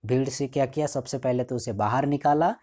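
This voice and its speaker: A male teacher giving a line-by-line explanation of a school chapter. He reads English lines slowly, then explains them in a casual way, often checking in with the students. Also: medium pitch, dark tone. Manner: frequent checking fillers.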